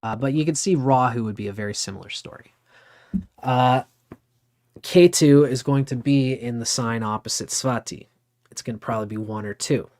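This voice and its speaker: A man in his forties talks astrology in a relaxed, unscripted way. He wanders through his points conversationally and drops in an occasional swear word. His voice sits at an ordinary middle pitch. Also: moderate pace. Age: 40s. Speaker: astrology teacher. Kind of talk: casual lecture.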